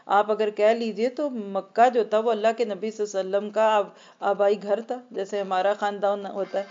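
A woman's voice: mid-range voice, level tone, a little mellow. Earnest woman teaching a scripture lesson. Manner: earnest explaining with rhetorical questions; slows right down to recite Arabic verses. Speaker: Quran teacher. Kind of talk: Quran lesson to women. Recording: dull lo-fi recording.

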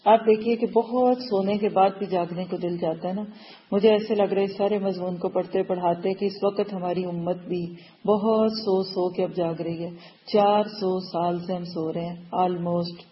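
A woman's voice: on the low side, fairly even intonation. A woman giving an earnest religious lecture on Quran verses as a teacher, exhorting her listeners and repeating phrases for emphasis. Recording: dull lo-fi recording.

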